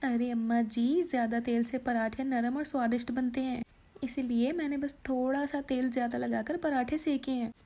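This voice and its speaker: A woman's voice: high voice, fairly even intonation, moderate pace. A woman voicing a cheerful, careless young daughter-in-law in a cartoon story. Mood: chirpy. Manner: bright, chirpy, excuse-making.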